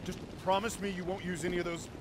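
A man's voice: high-pitched, expressive, brisk, noisy background. A male actor in his thirties playing a stern, protective older brother and sheriff in a video game. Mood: urgent, protective. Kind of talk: dramatic video game acting.

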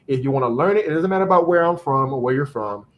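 A young man speaks bluntly and with animation, telling stories as a guest on a podcast. He joins over a video call, and his camera sits at a distance in his dance studio. His voice sits at an ordinary pitch for a man. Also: fast, highs cut off. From United States. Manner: animated, blunt, plays out quoted exchanges. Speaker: dance company director, guest. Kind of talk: casual storytelling in a podcast interview. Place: dance studio in Atlanta, indoors.

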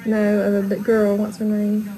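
A woman's voice: medium pitch, monotone, a little slow. A woman chatting casually with family, recorded on a 1990s VHS camcorder. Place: family home and outdoors on a boat. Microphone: camcorder microphone. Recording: noisy 1990s VHS home video.

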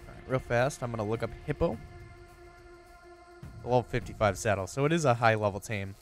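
A man casually commenting on his own gameplay, chatty and excitable, talking to his viewers and to the animals in the game. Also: medium pitch, fairly quick, soft background music. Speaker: gameplay streamer.

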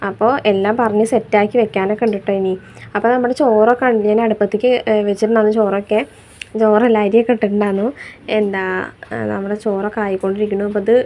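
A young mother from Kerala, India, narrates her daily chores in a chatty vlog voice-over recorded separately, tagging sentences with a soft "you know." Her voice sits at medium pitch, and the recording is muffled with a little hiss or hum.

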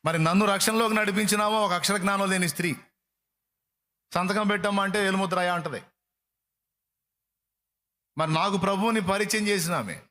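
A man preaching a sermon, impassioned, swinging from loud appeals to hushed pleading. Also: high-pitched.

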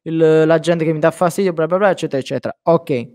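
A young man, a guest on a video call, agitated and loudly insisting on being heard. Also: fairly high pitch, quick pace. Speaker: guest streamer. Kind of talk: heated group chat on a live stream.

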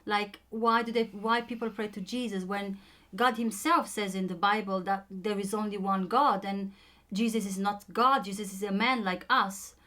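A woman's voice: mid-range voice, fairly even intonation, normal speed, sharp tone. Hesitant young Romanian woman vlogger. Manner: hesitant, full of ums and restarts. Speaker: vlogger telling her own story. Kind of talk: casual chat.

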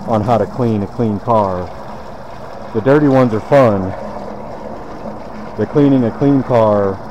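A man's voice: lowish voice, noisy background. A man, casually explaining a car detailing task as he works. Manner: laid-back, talks while working. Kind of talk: casual how-to demonstration. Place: detailing shop.

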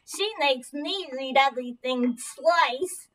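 Woman voicing a squeaky, cheeky boy ventriloquist dummy. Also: takes it slowly, a bit bright. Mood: matter-of-fact. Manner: exclamatory, hesitant when stumped, cheeky. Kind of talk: ventriloquist comedy act. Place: indoor painted playroom, far camera. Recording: distant microphone in a room.

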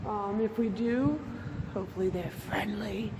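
A woman's voice: mid-range voice, measured pace. A woman vlogger narrating casually while exploring an abandoned tunnel, talking straight to viewers. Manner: chatty, addresses viewers directly. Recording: echoey tunnel, noisy camera audio.

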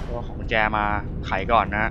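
A man's voice: brisk, sharp tone, dull audio, slight background noise. A man commentating as he plays a horror game, talking to the monsters and yelping and swearing at the scares. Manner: jumpy, yelps and swears at scares. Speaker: gameplay streamer.

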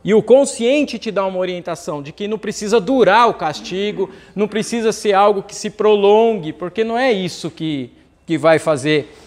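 A high-pitched young man from Brazil gives a parenting lesson in an informal lecture style. He keeps checking in with his listeners through rhetorical questions and leans on personal stories. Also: normal speed. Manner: conversational, asks the audience rhetorical questions. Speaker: parenting course teacher.

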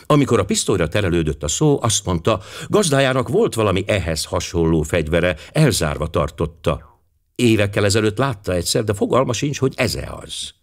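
A male audiobook narrator with a low voice that still moves a lot in pitch. He reads in a measured, expressive storytelling manner.

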